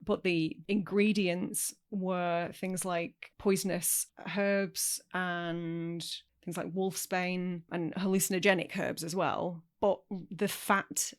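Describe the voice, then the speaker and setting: A woman's voice: fairly low pitch, steady tone, slow. Chatty woman on a movie podcast. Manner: chatty, thoughtful, laughs easily. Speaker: podcast co-host. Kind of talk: casual chat.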